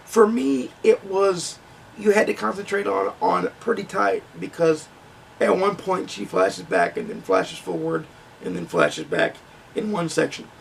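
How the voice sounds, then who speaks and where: A man's voice: sits high, measured pace, vocal fry, far from the mic, slight background noise. A man giving a frank, conversational book review with ums and restarts, his voice starting to crack.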